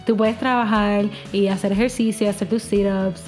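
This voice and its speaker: A woman's voice: medium pitch, fairly even intonation, moderate pace, a little mellow, soft background music. A thirty-year-old woman with a Puerto Rican Caribbean Spanish accent, chatting casually and slangily with English words mixed in. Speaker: podcast guest. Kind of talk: casual chat.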